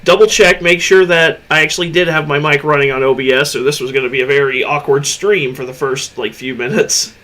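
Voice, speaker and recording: A man co-hosting a casual livestream over a headset mic, easygoing and quick to laugh between remarks. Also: fairly high pitch, steady tone, bright, forceful tone. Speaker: streamer co-host.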